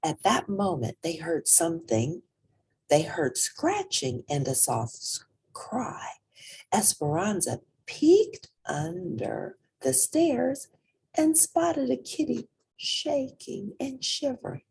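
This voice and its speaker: A storybook reader brings a children's picture book to life with animated, dramatic delivery. Her mid-range voice is husky and breathy, slipping into whispers and lingering on certain words as she takes her time.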